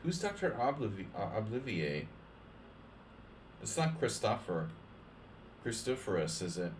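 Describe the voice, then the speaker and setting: On a casual chess stream, a man takes on his viewers and chats away, stumbling into restarts, leaning on "like" and tossing out jokes. His lowish voice is very animated at a measured pace, with slight background noise behind it.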